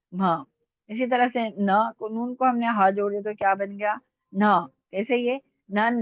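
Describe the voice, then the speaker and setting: A woman's voice: mid-range voice, no echo. A woman teaching an Urdu lesson online, patiently sounding out letters and checking that her students follow. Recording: tinny phone-like dry sound.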